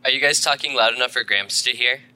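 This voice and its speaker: A man's voice: mid-range voice, fast, pushed and bright, low-quality recording. A man playing a tabletop game, chatting in a wry, offhand way. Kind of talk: casual tabletop game chat.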